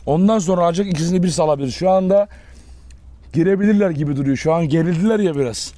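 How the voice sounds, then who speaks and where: A young man whose voice is on the high side, dark in tone, and quick keeps up a chatty, direct talk with his viewers. Handling his dogs outdoors, he stops to bark short, firm commands at them.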